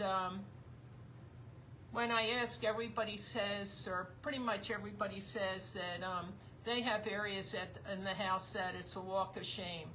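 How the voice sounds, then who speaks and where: Chatty woman with a bright, tense voice. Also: mid-range voice, a little hiss or hum, rough recording. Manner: chatty, rambling, teases her husband with laughs. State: slightly losing her voice. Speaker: craft show co-host. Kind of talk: casual live-stream chat. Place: basement tavern room of a house.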